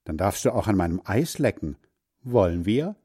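A man's voice: on the low side, very animated, normal speed, mellow, slightly rough. A man voicing a cheeky, fickle little girl in a children's story. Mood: sweet.

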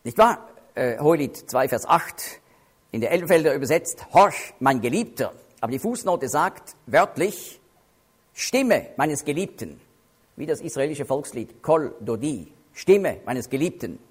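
A man teaching through Bible passages in a sermon style, emphatic and expressive, shifting his pace and loudness to stress points. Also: fairly high pitch, measured pace, husky.

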